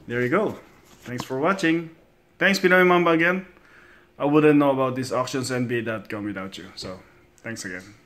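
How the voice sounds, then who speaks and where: A man in an excited, chatty unboxing vlog at home, laughing often as he talks to the camera. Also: medium pitch, moderate pace, a little hiss or hum. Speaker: vlogger. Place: home, at a table.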